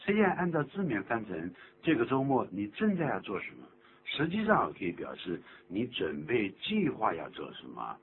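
A man teaching English on the radio in a lowish voice that swings widely as he explains and jokes. The sound is tinny and phone-like, with a faint hum underneath. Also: huge pitch swings, normal speed. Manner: explains patiently, jokes, exaggerates pronunciation. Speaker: English teacher and program host.

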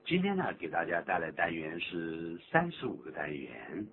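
Man, radio English teacher, low voice, animated, patient explanations, tinny lo-fi sound, faint hum. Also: moderate pace. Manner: explains patiently, jokes, exaggerates pronunciation. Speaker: English teacher and program host.

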